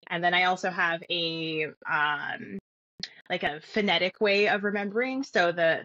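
Woman, interview guest, thoughtful, restarts often, low-ish voice, dull lo-fi audio. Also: fairly bright tone, no room sound. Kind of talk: conversational interview.

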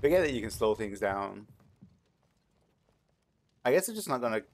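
A gamer recording a playthrough chats in casual slang, talking to himself and to the game, his voice low-leaning and sing-song at a normal pace. Game ambience and effects sit clearly behind his voice.

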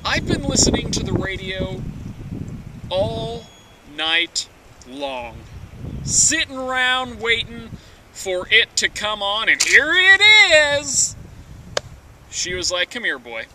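A young man giving a dramatic reading of lyrics like a hammy stage actor, with drawn-out theatrical pauses, recorded outdoors from a few metres away. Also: high-pitched, big pitch swings, pushed and bright. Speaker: performer of comic dramatic readings. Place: outdoors at the edge of woods. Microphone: camera mic from a few metres away. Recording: distant camera mic, wind noise.

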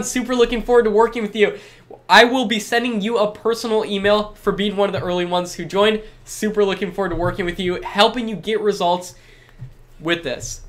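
Streaming live from a small room with a lit backdrop, a young man who has a stuffed-up cold reads out questions from the chat. His voice sits high with a fairly bright tone, and he responds in an upbeat, salesy way, repeating his reassurances.

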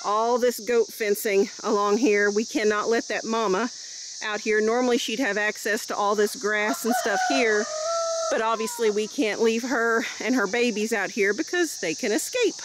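Her voice sits on the high side and moves at normal speed as this Ozark-accented homestead vlogger in her thirties strolls around her rural farm outdoors at sunset, chatting cheerfully to a phone held at arm's length. The clear recording carries the outdoor noise of crickets and insects.

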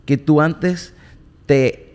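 A man's voice: a little high, fairly even intonation, drawn-out words, a little mellow, clean tone, in a large hall. A man, co-hosting a podcast in a casual, agreeable way and steering the talk with follow-up questions. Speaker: podcast co-host.

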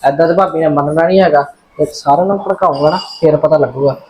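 A woman's voice: deep voice, quick pace, darkish tone, lightly acted, rough recording. A woman playing a defiant, scheming young man in a family short film. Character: quarrelsome young man, the younger brother-in-law.

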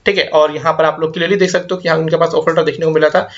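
A career guidance YouTuber, a young man with a slightly high, fairly bright voice and little pitch movement, races through viewer comments in a casual update video. He mixes Hindi and English rapidly, reassures his audience, and keeps saying "ठीक है." The recording sounds a bit dull and lo-fi.

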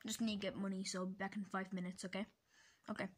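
A woman acting out a comic game roleplay in several voices. She is excitable, bursts into loud shouts, and fills gaps with playful sound effects and sing-song bits. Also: medium pitch, fast talker, slight background noise.

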